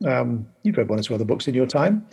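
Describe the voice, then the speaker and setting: Gravelly, mellow man hosting. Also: mid-range voice, very animated, quick pace, soft background music. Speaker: podcast host. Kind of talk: casual podcast talk. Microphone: video call.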